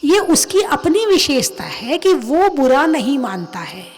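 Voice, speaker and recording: A woman's voice: sits high, sing-song, soft background music. A woman giving a religious sermon, talking conversationally and asking her listeners questions. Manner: acts out everyday voices in quick asides. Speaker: Jain nun preacher. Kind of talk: religious discourse.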